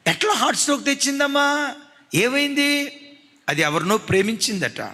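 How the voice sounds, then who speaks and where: A man's voice: very high voice, expressive, normal speed, pushed and bright, big-room sound. A man preaching a sermon with passion, acting out the voices in his stories. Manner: impassioned storytelling, acting out quoted voices.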